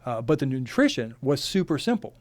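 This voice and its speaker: Man, mid-pitched voice, plain-spoken guest, lots of ums, dry recording. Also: big pitch swings, fairly quick, dry recording. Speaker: podcast guest. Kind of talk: casual conversation.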